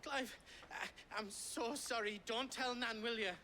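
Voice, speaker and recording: A man's voice: extremely high pitch, fairly even intonation, unhurried, pushed and bright, a little hiss or hum, full character voice. An actor playing a flustered male trader in a video game, anxious and apologetic. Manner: anxious, apologetic, regional slang. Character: flustered male trader who lost his pass. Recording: game audio with faint ambience.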